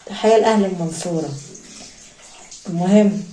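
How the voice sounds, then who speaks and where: A woman's voice: lowish voice, fairly quick, warm tone, echoey room, far from the mic, a little hiss or hum, poor audio. A woman with an Egyptian accent telling a story in a chatty way, speaking straight to her listeners. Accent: Egyptian Arabic. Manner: chatty, addresses listeners directly. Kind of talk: casual spoken storytelling.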